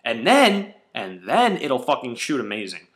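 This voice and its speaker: A man's voice: medium pitch, wildly swooping pitch, unhurried, a bit bright. A young man giving an angry, profanity-heavy video reply, lecturing a critic. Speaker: paintball player replying to a commenter. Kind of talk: angry video response rant.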